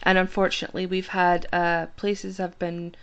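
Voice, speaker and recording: A woman's voice: on the low side, flat delivery, normal speed, clean tone. Woman, Canadian accent, chatty co-host, dull lo-fi sound. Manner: chatty, agreeable, laughs easily. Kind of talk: casual conversation.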